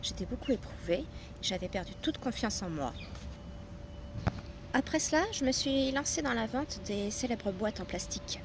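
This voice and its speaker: A woman in her thirties, a personal development coach, narrating her own story in a measured, earnest way with occasional hesitations. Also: on the high side. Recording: steady background noise with passing traffic.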